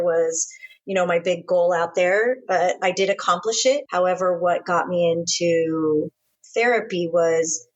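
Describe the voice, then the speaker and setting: An American woman with a slightly low-pitched voice. She talks as a co-host, casually chatting and sharing personal stories in a conversational style. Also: highs cut off. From Florida, US. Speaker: podcast co-host. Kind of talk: casual chat, personal storytelling.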